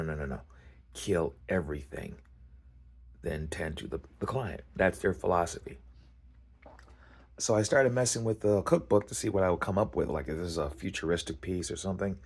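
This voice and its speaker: A man with a very low-pitched voice talks off the cuff, like a writer ranting on his own vlog. He rambles casually, then lands blunt, punchy phrases with a storyteller's sense of drama. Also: a little mellow, slightly rough. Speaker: fiction writer hosting a rant vlog.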